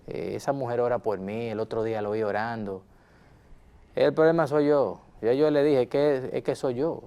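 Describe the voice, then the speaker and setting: A man's voice: mid-range voice, steady tone, moderate pace, warm tone, smooth, natural voice. A man playing an insistent hot-tempered husband. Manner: insistent, repeats himself, addresses counselor formally. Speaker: counseling client. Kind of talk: role-played counseling session.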